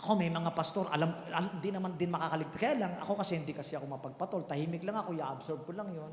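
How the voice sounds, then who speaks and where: A man's voice: on the high side, very fast, a little mellow. A man in his fifties preaching a sermon as pastor, talking conversationally and putting rhetorical questions to his congregation. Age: 50s. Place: church hall. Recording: echoey church hall.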